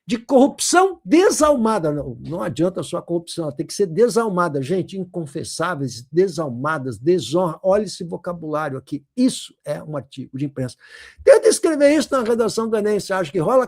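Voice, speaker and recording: A man teaches essay writing with emphatic energy, speaking straight to his students. His voice is husky and sits a little high. He keeps the lecture lively and full of stress on key words. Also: brisk. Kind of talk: animated lecture.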